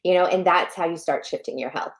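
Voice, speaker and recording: A middle-aged woman speaks with a fairly low, even voice and strong emphasis, pressing her points. She is a guest on a podcast, talking through a headset from a room at home. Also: fast talker. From born in Malawi, raised in Canada. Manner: emphatic, passionate, gestures while talking. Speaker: guest, health educator. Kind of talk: podcast interview. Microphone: headset over a video call.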